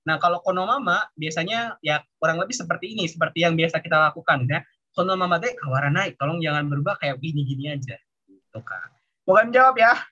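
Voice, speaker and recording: Male language mentor, bright and forceful, slightly husky, relaxed tutoring over a dull video call. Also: a little high, fast talker. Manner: explains patiently, tags most sentences with a questioning "ya". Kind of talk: casual online class teaching.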